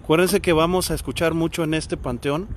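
A high-pitched Mexican man hunts for ghosts in an outdoor cemetery at night. He talks in a hushed, jumpy way, calling out to unseen spirits. Faint noise sits under his voice. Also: fairly even intonation, brisk. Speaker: paranormal investigator vlogger. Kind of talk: ghost-hunting vlog narration.

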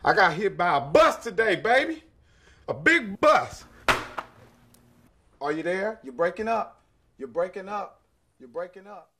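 A man's voice: sits high, very animated, bright, forceful tone, slightly rough, exaggerated voice. A man plays a caller on the phone, hurrying and repeating himself while the call breaks up and fades out. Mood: urgent. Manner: hurried, repeats himself over a bad line. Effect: phone call breaking up and fading out. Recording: distant phone voice with dropouts.

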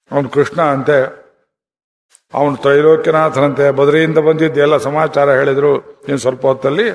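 A man giving a devotional storytelling discourse, chanting verses and asking his listeners questions, in a reverberant hall. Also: medium pitch. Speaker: religious discourse speaker.

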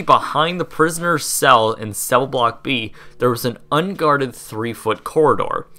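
A man's voice: mid-range voice, bright, forceful tone. A young man hosting a casual history video, chatty and rambling, laughing and tripping over words. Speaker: host.

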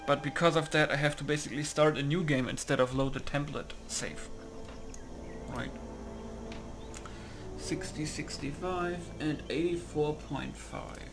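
A gamer recording a mod setup mutters to himself, reading settings aloud and commenting loosely in casual game commentary. His voice is on the high side and measured in pace, with music behind him.

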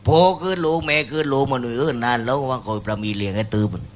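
A man's voice: mid-range voice, quick pace, a little hiss or hum. A man, a shadow-puppet master, giving folksy moral commentary on stage at an outdoor festival. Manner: preaching, folksy. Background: live band music.

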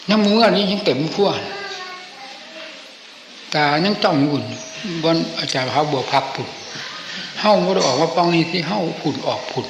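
An older man, a senior monk with an Isan northeastern Thai accent, telling stories from memory in an informal, animated old-man way and acting out the dialogue. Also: fairly high pitch. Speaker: senior Buddhist monk reminiscing. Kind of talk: informal storytelling, reminiscing. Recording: echoey hall with clear background noise.

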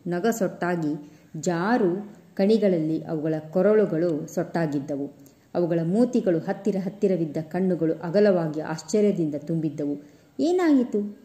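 A woman reads a children's novel aloud as storybook narrator, her voice pitched a little low. Her tone is mellow and soft-edged, and she paces the story steadily with brief pauses between phrases.

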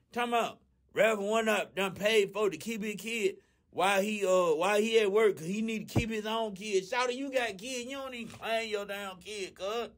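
A man performing a dim-witted, loudmouthed character, giving a rambling, profane comic monologue full of slang and fillers. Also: extremely high pitch. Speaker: comedy radio character.

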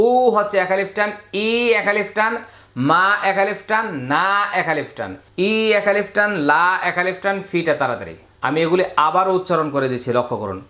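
A man's voice: high-pitched, expressive, pushed and bright, roomy sound. Patient Bangladeshi man drilling recitation. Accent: Bangladeshi Bengali. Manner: patient, spells out letters and draws out syllables in slow repeated drills. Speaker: Quran reading teacher. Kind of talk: recorded recitation lesson.

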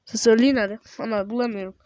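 A young man with a sore throat giving casual, excitable commentary while playing a game, yelping and exclaiming when startled. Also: sits high, very fast. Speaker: gameplay video host.

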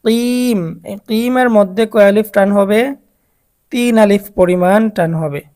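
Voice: medium pitch, darkish tone. Patient teacher explaining step by step. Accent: Bangladeshi Bengali. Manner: slow, patient, repeats and quizzes learners. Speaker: Quran reading teacher. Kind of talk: recorded step-by-step lesson.

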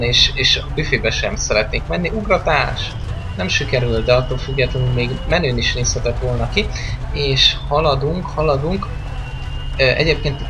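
Over a noisy background, a man with a mid-range voice gives casual, rambling let's-play commentary on a game. He jokes around and chats with the game's characters as he plays.

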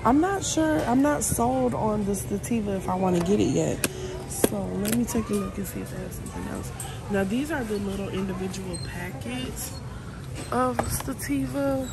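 A woman vlogger with a medium-pitched voice speaks at normal speed while filming a casual shopping vlog in supermarket aisles. She chats and thinks aloud as she reads labels, with a noisy store in the background.

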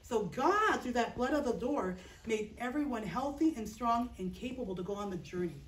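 A middle-aged woman who teaches children's chapel tells the kids a Bible story in a high voice at normal speed, acting it out with lively gestures and big energy and checking in with "okay?" as she goes. A distant camera with no visible mic picks her up in a small classroom, so the sound is roomy and echoey with a faint hiss.

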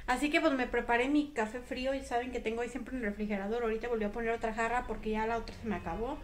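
A young woman with a Mexican accent talks to her viewers in a relaxed, chatty vlog. Her voice sits a little high, and she often repeats phrases for emphasis. A faint hiss of background noise runs under the recording. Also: racing. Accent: Mexican Spanish. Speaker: vlogger. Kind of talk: casual vlog chat.

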